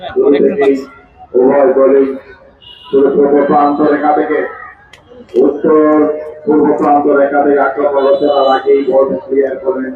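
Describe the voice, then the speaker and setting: A man's voice: mid-range voice, monotone, moderate pace, pauses often, very echoey, distant mic, phone-quality sound, background noise. A man with a Bangladeshi accent giving live commentary at an outdoor football match.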